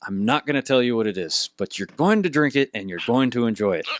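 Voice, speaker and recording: A man voicing a gruff, annoyed tavern bartender in a tabletop game, scolding a loud customer. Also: medium pitch, lively intonation, fast, no room sound, clean studio sound, close to an everyday voice. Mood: bossy.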